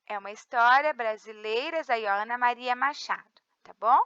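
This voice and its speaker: A Brazilian woman with a Brazilian Portuguese accent teaches a recorded remote lesson, reading the textbook aloud and checking in with her students through frequent tag questions. Her slightly high voice moves at normal speed with a sharp yet smooth tone. The audio is muffled but has no echo.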